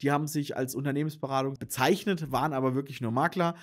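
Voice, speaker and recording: A man's voice: medium pitch, steady tone, fast. A man who runs a business consultancy, explaining earnestly and addressing the viewer directly, with frequent fillers and restarts. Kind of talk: explainer monologue to camera.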